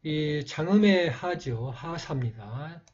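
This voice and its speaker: Here the calligraphy teacher is a man whose voice sits a little high and sounds animated, captured on lo-fi audio. Still, his narration is slow and patient, taking each stroke in turn and frequently stalling on fillers.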